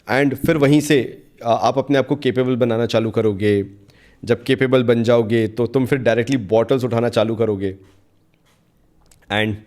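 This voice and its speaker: A man reviewing perfumes in a casual chat, switching between Hindi and English and talking straight to the viewer. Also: medium pitch. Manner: chatty Hindi-English code-mixing, animated, addresses viewer directly. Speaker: fragrance reviewer.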